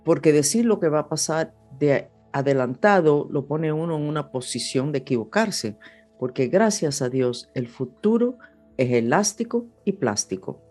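Deep and expressive, a little mellow, this woman's voice moves at a moderate pace. She's an astrologer speaking non-native Spanish over music, delivering off-the-cuff horoscope and spiritual content to listeners.

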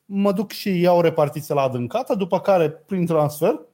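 A middle-aged man telling stories in a blunt, sarcastic, animated way in casual conversation. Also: sits high, breathy edge. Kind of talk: casual chat.

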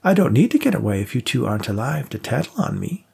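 A man voicing a spiteful, murderous old woman with a shrill, scolding voice in an audiobook. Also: huge pitch swings, quick pace, vocal fry, darkish tone, breathy edge, heavily acted. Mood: scornful.

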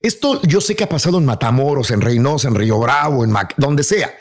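A man hosting a radio talk show, telling a story with emphatic, animated delivery. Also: medium pitch, brisk. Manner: animated, emphatic, acts out quoted voices. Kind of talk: casual radio chat, storytelling.

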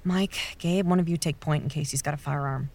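A woman's voice: sits low, a little fast, a little mellow. An actress playing a blunt, foul-mouthed young woman who leads the group with impatient exasperation. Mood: tense. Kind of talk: audio drama acting.

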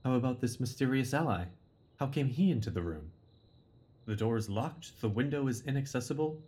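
An actor playing an earnest, puzzled Victorian doctor in an audio drama, with a questioning manner. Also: male voice, medium pitch, expressive, brisk, warm tone, close to an everyday voice. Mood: baffled. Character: earnest, puzzled male Victorian doctor, loyal detective's companion.

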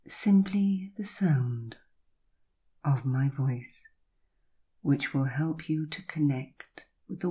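A woman guides a hypnosis session in a soft, breathy voice with a rumbling low quality. Her phrases are slow, soothing, and drawn out, separated by long pauses.

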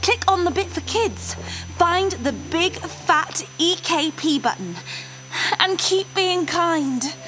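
Brief: woman as very high-voiced, playful kid hero for a children's audio adventure. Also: expressive, slow, a bit bright, slight background noise, heavily acted. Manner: eager, jokey. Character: excitable, playful young hero who addresses the listeners. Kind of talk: kids' audio drama.

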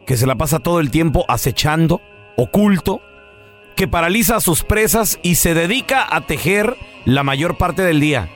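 A man's voice: on the high side, animated, moderate pace, soft background music. A man hosting a comedy radio show, telling jokes in a mock-serious way and teasing his co-hosts.

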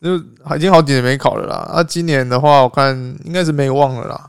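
A man's voice: fairly high pitch, quick pace, smooth, no room sound, clean studio sound. A man with a Taiwanese Mandarin accent, co-hosting a casual chat show, telling stories with frequent laughs and casual swearing. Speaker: podcast co-host.

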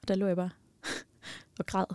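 A woman telling a personal story in casual podcast chat, animated and swinging between loud bursts and near-whispers. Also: medium pitch, clean tone, no echo.

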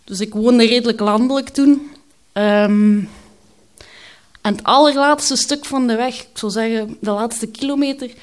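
Halting Flemish woman telling her story. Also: mid-range voice. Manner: candid, halting, with frequent hesitations. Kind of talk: personal storytelling.

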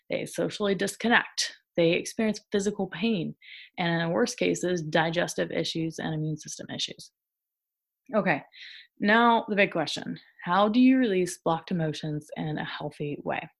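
A woman's voice: on the low side, normal speed, vocal fry. A woman hosting a podcast, giving frank, chatty advice on relationships with casual swearing and rhetorical asides. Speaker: podcast host, intimacy coach.

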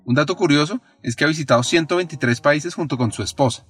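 A man's voice: a little high, a bit bright, faint music behind. Man narrating podcast intros. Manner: clear, measured introductions. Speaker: podcast host. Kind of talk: scripted narration.

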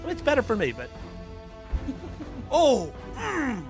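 A man's voice: very high-pitched, huge pitch swings, slow pace, gravelly, soft background music. A man playing a tabletop game, casually and jokingly narrating his own character's actions.

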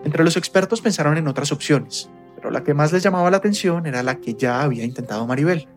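A man narrating a scripted documentary podcast in a measured, storytelling delivery. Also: on the high side, expressive. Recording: faint music bed.

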